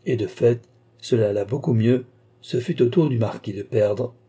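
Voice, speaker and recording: A man reading a classic novel aloud as an audiobook narrator, in measured, even storytelling. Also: medium pitch, slightly rough. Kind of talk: scripted narration.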